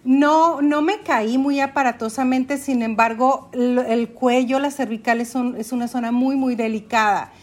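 A woman's voice: high voice, steady tone, measured pace, few pauses. A woman with a Mexican accent, a podcast guest telling her story in casual, chatty conversation. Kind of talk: casual chat.

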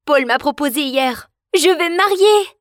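Uma mulher fazendo uma jovem noiva animada. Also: female voice, fairly high pitch, normal speed, no echo, clean studio sound, close to an everyday voice. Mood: excited. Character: excited young woman friend announcing her engagement.

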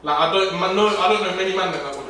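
A man's voice: high voice, fast talker. A young man with a London roadman accent, chatting casually with friends in thick slang. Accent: London, urban street style. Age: young adult. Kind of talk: casual banter among friends, heavy slang. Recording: echoey room, distant mic, clear noise.

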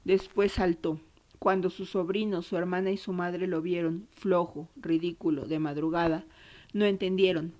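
A woman with an Argentine accent reading literary nonfiction in a measured, somber way. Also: on the low side, steady tone, a little mellow. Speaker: narrator.

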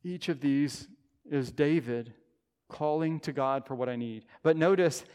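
A man in his thirties preaching a sermon as pastor, earnest and conversational, rising to loud emphatic peaks. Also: a little high, unhurried, clean tone. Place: church sanctuary. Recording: long church-hall reverb.

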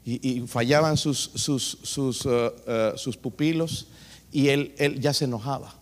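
A man preaching a sermon as pastor, telling a story with lively energy and repeatedly calling his listeners brothers. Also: mid-range voice, measured pace, in a large hall. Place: church sanctuary.

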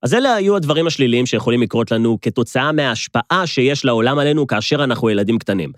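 Israeli man with lively, swinging intonation. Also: a little high, no room sound, studio quality. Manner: emphatic, addresses listeners directly, rhetorical repetition. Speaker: podcast host. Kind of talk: motivational podcast monologue.

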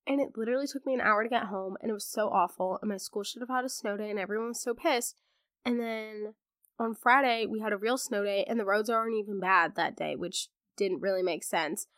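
Speaking fairly quickly in a medium, slightly bright voice, this teenage podcaster is still congested from laryngitis. Her casual chatter leans sarcastic and is full of fillers, and the clean studio audio has no echo.

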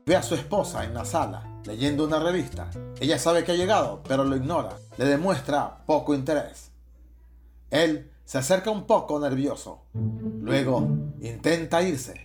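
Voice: mid-range voice, expressive, moderate pace, a little mellow, faint music behind. A narrator reading scripted scene descriptions for a comic radio sketch.

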